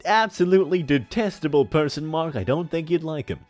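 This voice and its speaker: A man's voice: a little high, expressive, a little fast, a little mellow, faint music behind, pitched above the performer's own voice, close to an everyday voice. A man voicing a pompous, menacing, melodramatic older man in a hammy stage-actor manner for a comic dramatic reading. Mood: indignant, haughty. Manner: hammy stage-actor delivery with grandiose emphasis.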